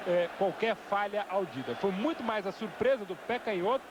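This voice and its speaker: A man's voice: high-pitched, expressive, normal speed. A Brazilian man giving live football analysis as co-commentator, explaining his opinions in long asides. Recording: noisy outdoor stadium broadcast. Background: stadium crowd noise.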